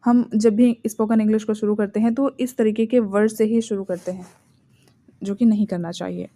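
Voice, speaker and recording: A woman with an Indian accent teaching spoken English in Hindi, reading English example sentences slowly and deliberately. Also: mid-range voice, steady tone, dark tone.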